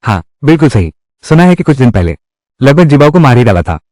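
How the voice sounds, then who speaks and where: A man's voice: mid-range voice, very animated, a little fast, a little mellow, no echo, studio quality. A man reading all the character lines of a dubbed drama in one voice. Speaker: voice-over reader of a dubbed drama.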